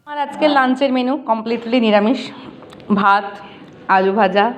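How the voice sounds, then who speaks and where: A young woman in her early twenties with a Bengali accent, chatting quickly and casually in her daily vlog. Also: fairly high pitch, a little hiss or hum. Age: early 20s. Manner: chatty, talks fast by habit. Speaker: vlogger.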